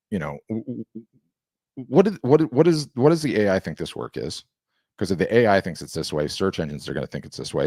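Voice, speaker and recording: A man casually demonstrating a software tool, enthusiastic and rambling, often restarting his sentences. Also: low-pitched, no room sound, clean studio sound. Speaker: software demo host. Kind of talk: casual screen-share demo.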